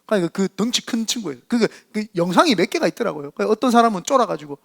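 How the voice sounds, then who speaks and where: Animated middle-aged Korean pastor preaching. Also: male voice, high-pitched, very fast, creaky. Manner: animated storytelling, acts out quoted voices, shifts from quiet asides to shouting. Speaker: senior pastor. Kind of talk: sermon.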